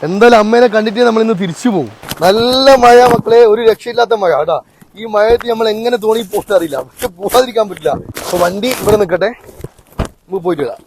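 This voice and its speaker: High-pitched, fast-talking north Kerala man vlogging. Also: background noise. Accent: north Kerala Malayalam. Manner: colloquial, with English slang words mixed in; chatty, addresses viewers and locals familiarly. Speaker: vlogger, host. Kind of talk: casual excited vlog chat with questions to locals. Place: outdoors by a river and in a boat.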